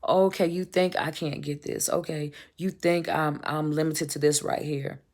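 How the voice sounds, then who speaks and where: A woman's voice: deep voice, steady tone, measured pace, a little mellow. A woman giving an emphatic, blunt motivational monologue, swearing casually and calling the listener baby. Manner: emphatic, preachy, repetitive. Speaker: vlogger.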